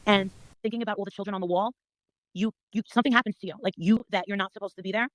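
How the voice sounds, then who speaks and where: A middle-aged woman gossips casually, recounting her story in a blunt, confrontational, animated way and swearing freely. Her mid-range voice races along, and the audio is poor but has no echo.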